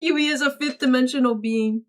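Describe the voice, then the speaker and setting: High-voiced playful woman streamer. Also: brisk. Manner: playful, reads chat aloud and answers it with mock-serious bits. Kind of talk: casual livestream chat.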